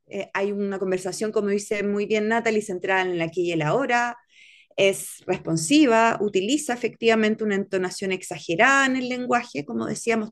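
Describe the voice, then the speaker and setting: A woman leading a teacher training workshop, explaining step by step and often checking in with her listeners. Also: medium pitch. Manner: explanatory, checks in with frequent "¿cierto?". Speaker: workshop instructor. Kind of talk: online teacher training lecture.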